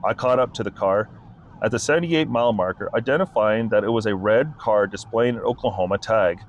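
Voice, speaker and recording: A man, a state trooper, reading his incident report aloud in a flat, formal, methodical way. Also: on the low side, fairly quick, dull audio, slight background noise.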